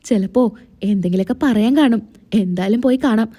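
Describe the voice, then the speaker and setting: A woman's voice: on the high side, brisk, dark tone, lightly acted. A woman voicing a scheming, jealous young woman who grumbles sulkily. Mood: grumbling. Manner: sulky, grumbling.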